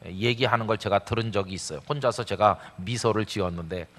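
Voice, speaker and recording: A man's voice: on the low side, fairly quick, a bit bright. A middle-aged man preaching a revival sermon, telling stories with acted-out quotes and rhetorical questions. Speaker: pastor. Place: large church sanctuary. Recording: long church hall reverb.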